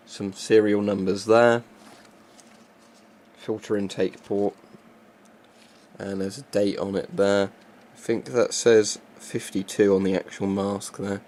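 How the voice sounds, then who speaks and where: A man's voice: on the low side, darkish tone. A man giving a casual, unscripted hands-on demonstration as a presenter. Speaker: presenter showing military gas masks. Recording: faint background noise, amateur recording.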